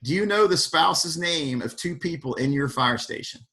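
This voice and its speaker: Man, fairly high voice, energetic motivational talk, calls on people by name, video call. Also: moderate pace. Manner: animated, questions the audience by name. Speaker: fire service speaker leading an online workshop.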